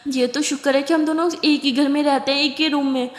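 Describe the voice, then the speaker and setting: A woman's voice: high-pitched, fairly even intonation, fairly quick, lightly acted. A woman voicing a friendly young female college student chatting with her roommate, in an echoey room with a long reverb. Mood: agreeable.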